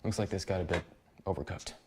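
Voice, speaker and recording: A man's voice: low-pitched, quick pace, noisy background. A man giving upbeat scripted voice-over narration of his own food challenge. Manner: upbeat, lively voice-over storytelling. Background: background music.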